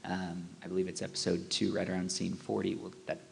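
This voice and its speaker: A man's voice: sits low, completely flat delivery, fairly quick, creaky, big-room sound. A man, a film editor, talking casually on a live panel with many hesitant "um"s and "uh"s. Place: live event hall.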